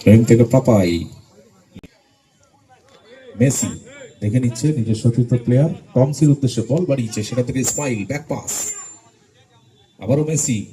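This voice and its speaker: A man commentates a football match live and excitedly. His voice is very dark and muffled, on the higher side, and he calls the passes in short, urgent bursts. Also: brisk. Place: outdoors at a local football ground.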